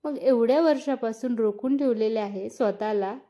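A woman's voice: on the high side, normal speed, dark tone, close to an everyday voice. Woman reading as a teasing young husband.

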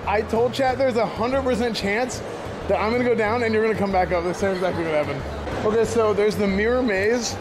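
A young man with a rather high voice rambles and jokes as he walks through a mall, tripping over his own words. He's picked up by a camera rig on his shoulder, with music laid over the footage. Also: brisk, crowd noise. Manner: rambling, joking, many restarts. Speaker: streamer. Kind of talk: casual walking vlog. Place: large indoor shopping mall.

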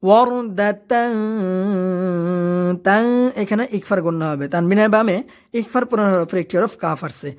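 A woman teaching tajweed. She alternates rapid spoken explanations with slow, drawn-out chanted recitation of verses. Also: mid-range voice.

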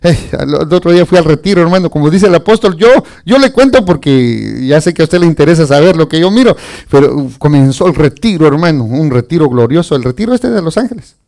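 A man preaching a lively sermon, often chuckling and calling his listeners brother. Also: fairly high pitch, fast.

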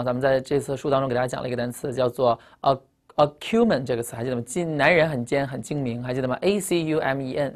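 Fast-talking low-voiced woman teacher. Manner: spells words letter by letter, often quizzes students on earlier words; ends phrases with the particle "啊". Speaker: English vocabulary teacher. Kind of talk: recorded vocabulary lecture.

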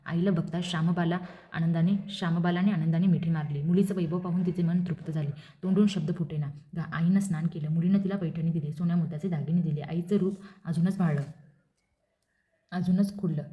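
A woman reading a devotional folk story aloud in a brisk, rhythmic recitation. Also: on the low side, lo-fi sound.

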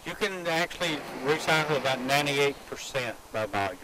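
A man's voice: a little high, expressive, fairly quick, over a noisy crowd, poor audio. A middle-aged man, a business owner answering interview questions outdoors, agreeable and repeating words as he starts. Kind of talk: on-site interview. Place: outdoors at a recycling yard.

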